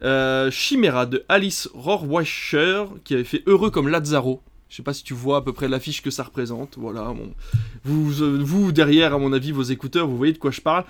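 A man's voice: mid-range voice, moderate pace. A man hosting a casual film podcast, reading a long list of titles with many hesitant fillers. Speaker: podcast host.

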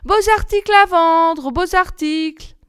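A woman voicing a wicked queen disguised as an old peddler woman, shrill, theatrical and sneering, in a storybook reading. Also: moderate pace, a bit bright, clean tone, dry recording, clean studio sound, natural voice. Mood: coaxing.

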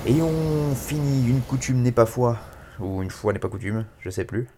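Man, low voice, rap radio host, casual rambling talk, fillers and restarts. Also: steady tone, moderate pace, warm tone, slight background noise. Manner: rambling, with many fillers and self-corrections. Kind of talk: casual radio show presenting.

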